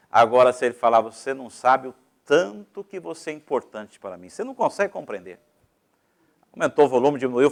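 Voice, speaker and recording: Brazilian man lecturing, fairly high voice. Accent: Brazilian Portuguese. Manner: varies volume and pace freely, explains step by step. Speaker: lecturer on public speaking. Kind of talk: didactic lecture.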